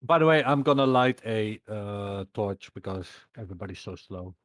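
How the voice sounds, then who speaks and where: A man's voice: lowish voice, animated, normal speed, no room sound, clean studio sound. A man playing a tabletop game, chatting casually and describing his character's actions. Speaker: player.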